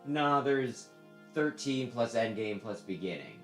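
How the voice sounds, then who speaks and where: A man's voice: mid-range voice, very animated, measured pace, reverberant, soft background music. A man chatting casually while playing a game and reading its dialogue. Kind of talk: casual game playthrough chat.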